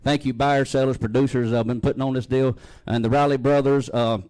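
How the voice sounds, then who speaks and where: A man's voice: mid-range voice, steady tone, fairly quick, darkish tone, clean tone, low-quality recording. A man with a Southern US accent, speaking as an auctioneer contestant addressing a live sale through a stand microphone. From Georgia, United States. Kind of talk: thank-you speech at a live auction. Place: indoor livestock auction arena. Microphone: stand microphone, close to mouth.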